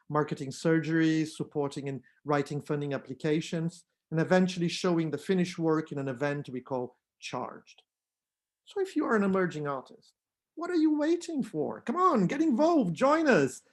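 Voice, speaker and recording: Earnest and welcoming, a man whose native language is Brazilian Portuguese introduces an online arts event that he produces and hosts, speaking with a fairly high pitch.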